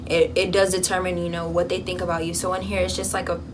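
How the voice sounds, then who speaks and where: A young woman vlogging in a college dorm room, chatting casually and telling an animated story full of fillers. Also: lowish voice, fast, noisy background. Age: young adult. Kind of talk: casual chat.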